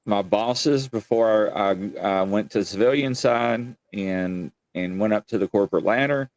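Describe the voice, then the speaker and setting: Hosting a casual show, a man in his late forties relates winding, folksy stories emphatically and plays out the conversations he quotes. His voice is on the low side and his pace measured, with no echo.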